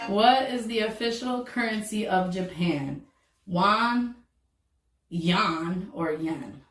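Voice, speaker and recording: A woman's voice: medium pitch, slow, a bit bright, soft background music. A woman co-hosting a podcast, chatting casually and laughing easily while reading trivia questions aloud. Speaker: podcast co-host. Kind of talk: casual chat, trivia game. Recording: roomy echo, distant from the mic.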